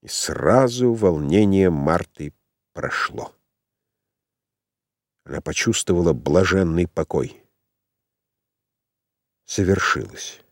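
A man narrating a literary novel as an audiobook in a measured, unhurried manner. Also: low voice, lively intonation, dry recording. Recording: dry close studio sound.

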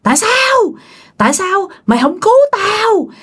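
A woman's voice: extremely high pitch, sing-song, unhurried, a bit bright, voice pushed up, heavily acted. A woman voicing a furious drowned old ghost woman who shrieks accusations, with a Southern Vietnamese accent. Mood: furious shrieking. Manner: screeching accusations.

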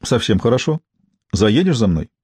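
Brisk wry young policewoman as a male reader puts her on, mellow tone, dry sound. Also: mid-range voice, big pitch swings, husky, dry recording.

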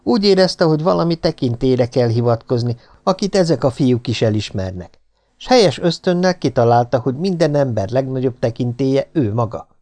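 A man narrating an audiobook with an animated, expressive reading. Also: mid-range voice.

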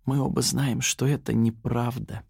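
A man's voice: medium pitch, flat delivery, normal speed, vocal fry, a little mellow, husky, no room sound, clean studio sound, voice pushed up. Man voicing a scheming, taunting young woman. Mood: fake pleading. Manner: taunting, self-assured. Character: scheming, cocky young woman, alter ego.

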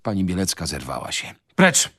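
A man narrating a novel in the first person in a measured, literary radio reading. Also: low-pitched, expressive, no echo, studio quality.

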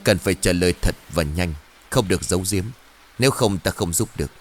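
A man voicing an old male ritual master who speaks in a slow, measured, solemn way. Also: low voice, voice pushed down. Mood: grave.

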